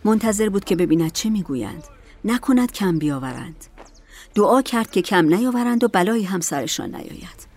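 A woman narrating a dramatic story in a measured, soft manner. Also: medium pitch, sing-song.

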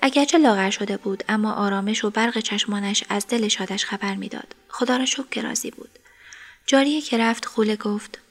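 A woman narrating a story in an even, measured voice. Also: mid-range voice.

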